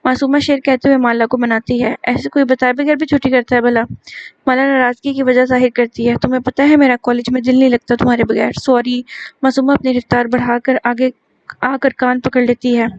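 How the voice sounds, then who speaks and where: A woman reads a novel aloud with an Urdu-inflected Hindustani accent, keeping one steady storytelling voice for every character. Her voice sits high with little rise and fall. The recording is dry and a little muffled. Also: brisk, no echo. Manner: even storytelling read, voicing every character herself. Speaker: novel reader.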